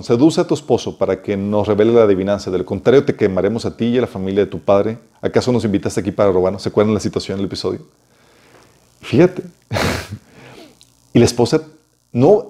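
A man teaching a conversational Bible study to a small group, animated and full of rhetorical questions, often checking in with a quick "sí". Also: lowish voice.

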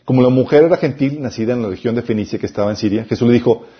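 A man's voice: mid-range voice, rapid-fire, muffled recording. A man preaching a sermon-style Bible lesson, emphatic, listing points and reading scripture aloud.

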